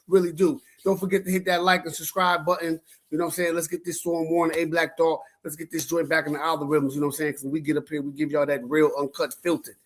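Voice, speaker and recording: A man hosting a casual sports commentary livestream, talking in slang and repeating words when he gets worked up. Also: high voice. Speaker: sports show host.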